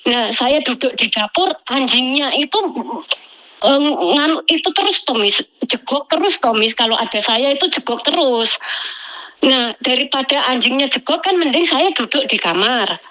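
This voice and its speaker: Woman, high voice, animated, complaining, casual storytelling. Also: normal speed, rough recording. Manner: animated, complaining, keeps addressing the listener as Miss. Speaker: migrant domestic worker telling her story.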